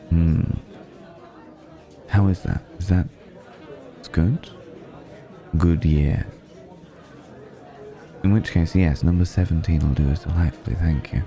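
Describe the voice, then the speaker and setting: In an intimate ASMR roleplay, a man fully voices an ageless, indulgent vampire gentleman. His very deep, mellow voice is unhurried, and he lingers over words in a courtly, teasing way, with hesitant pauses and hums.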